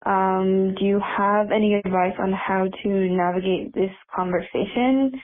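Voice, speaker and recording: A woman's voice: medium pitch, fairly even intonation, a little slow. Woman caller on a tinny phone line. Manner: polite, hesitant, with many ums. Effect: heard over a phone line. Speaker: caller leaving a voicemail. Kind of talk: voicemail asking for advice.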